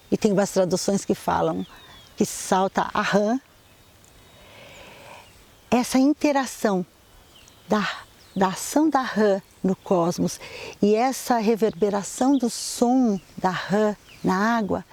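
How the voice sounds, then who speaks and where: A middle-aged woman with a Brazilian Portuguese accent gives a video lesson on poetry, explaining in a calm, measured way and slowing down to recite short poems. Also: medium pitch. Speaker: poetry teacher.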